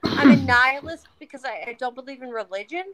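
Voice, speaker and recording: A woman's voice: high voice, quick pace, a crowd in the background. A woman speaking on an online voice-chat panel, arguing her point bluntly and swearing. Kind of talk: heated argument.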